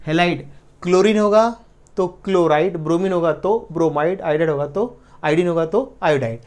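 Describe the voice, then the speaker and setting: A man teaching chemistry in an exam-prep lecture, repeating key slowly and checking in with his students. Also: a little high, darkish tone. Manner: repeats key words slowly, counts aloud, checks in with the listener.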